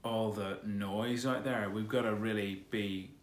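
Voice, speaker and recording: Man, co-host; reflective, encouraging delivery, slightly low pitch, roomy sound. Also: fairly even intonation, unhurried, slight background noise. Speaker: vlog co-host, actor. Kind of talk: casual conversational vlog.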